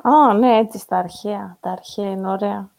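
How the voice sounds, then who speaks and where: A woman co-hosting a podcast in casual chat, talking in a chatty, animated way. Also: mid-range voice, creaky. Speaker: podcast co-host.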